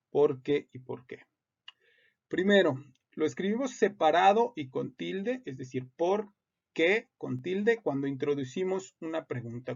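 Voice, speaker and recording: Gravelly man teaching grammar. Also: mid-range voice, a little mellow. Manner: methodical, reads example sentences aloud. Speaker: instructor. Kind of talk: explanatory lesson on grammar. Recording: dull lo-fi recording.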